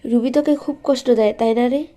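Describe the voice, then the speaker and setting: A woman voicing a kind, caring middle-aged aunt in an audio story, speaking gently and like a mother. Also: a little high, fairly even intonation, fairly quick, natural voice. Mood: tender. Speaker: narrator's aunt. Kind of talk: audio drama acting.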